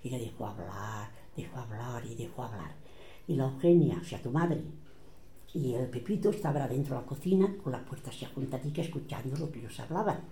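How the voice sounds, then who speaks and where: An older woman with a Catalan accent recounts old family quarrels in a lively storytelling manner. She slips into the voices of the people she quotes. Her voice is very dark and mellow, and it rings in an echoey room. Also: a bass voice, a little fast, a little hiss or hum. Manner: animated, acts out quoted voices. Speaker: relative recounting family history.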